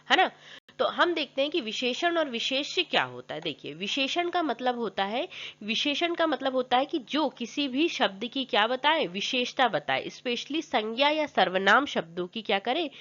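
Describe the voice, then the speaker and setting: Woman teacher, higher voice with animated pitch, self-questioning explainer; lo-fi muffled recording. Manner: asks questions then answers them, frequent tag questions. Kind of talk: explaining school exercises. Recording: dull lo-fi sound.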